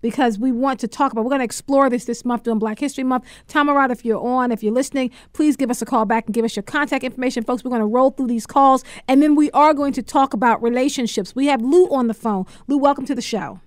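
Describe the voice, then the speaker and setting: A woman hosting a call-in radio talk show, briskly moving through callers and affirming them. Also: sits high, dry recording.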